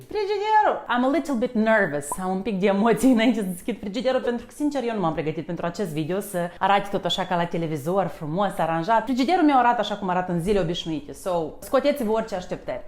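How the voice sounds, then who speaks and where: A woman's voice: medium pitch, few pauses. A woman teaching English words in a playful, casual way in her home kitchen. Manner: lively, playful, switches between two languages. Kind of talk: casual bilingual lesson.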